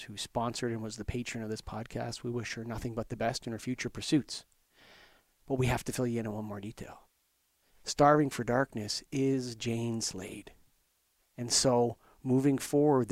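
A man's voice: medium pitch, no echo. A man hosting a podcast in a loose, casual way, often restarting and stumbling over words. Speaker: podcast host. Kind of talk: casual interview chat.

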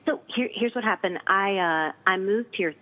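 This Nashville cemetery tour guide has a mid-range voice and a moderate pace. Her Southern accent comes through a tinny phone connection as she chats casually, laughing frequently.

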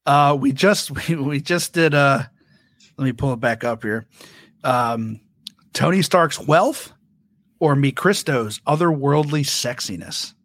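A man's voice: medium pitch, lively intonation, slow, fairly bright tone, no echo. A man hosting a casual podcast chat, chatty and reading out listener comments. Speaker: podcast host.

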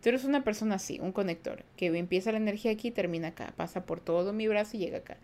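A woman hosting a podcast, chatting casually and giving spiritual advice to her listeners in an animated way. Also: rapid-fire. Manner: animated, mimics people in a high put-on voice. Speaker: podcast host.

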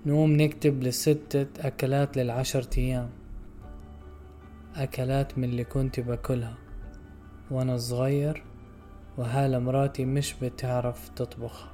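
A man voicing a grieving middle-aged son who pleads softly, his words hushed and choked. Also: mid-range voice, little pitch movement, moderate pace, pauses often, faint music behind, natural voice. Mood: tender pleading. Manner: soft, choked, pleading whisper.

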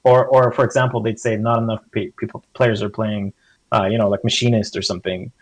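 A man's voice: on the low side, little pitch movement, fairly quick, no room sound, low-quality recording. A man talking casually about a game on a podcast, rambling with many restarts and acting out quotes. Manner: rambling, restarts often, acts out quotes animatedly. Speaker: podcast guest. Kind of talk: casual gaming discussion.

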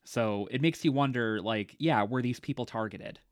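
A man's voice: medium pitch, moderate pace, dry recording. Chatty man with a dry close mic. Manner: chatty, laughs often, many fillers. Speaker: podcast co-host. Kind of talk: casual movie discussion.

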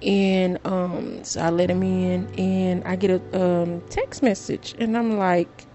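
Excitable middle-aged woman vlogging. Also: fairly low pitch, slow, a little hiss or hum. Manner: excitable, dramatic repetition. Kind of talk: casual storytelling to viewers.

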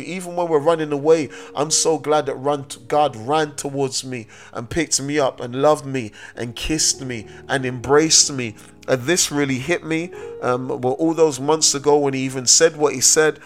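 A man preaching a sermon with emphasis, repeating key phrases and drawing out the words he stresses. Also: mid-range voice.

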